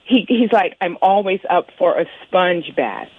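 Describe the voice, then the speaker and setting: A woman's voice: lowish voice, animated, unhurried, a little hiss or hum. A woman calling in over the phone to a radio show, talking bluntly and candidly with nervous laughs. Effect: heard over the phone. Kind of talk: on-air phone call. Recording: tinny phone line.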